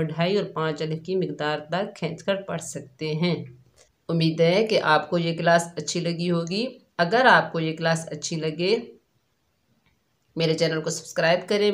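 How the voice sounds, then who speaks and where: A woman teaching Quran recitation step by step, calmly explaining each letter and drawing out the words she recites, her throat a little sore. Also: fairly low pitch. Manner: calm, methodical explaining, drawn-out recitation of words. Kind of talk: slow step-by-step tajweed lesson.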